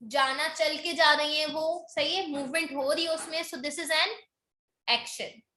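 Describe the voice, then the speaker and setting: Teaching English grammar online, a woman with a high, bright voice explains in a mix of Hindi and English. She slows down for definitions and keeps checking in with a quick "okay?", in an echoey room with slight background noise.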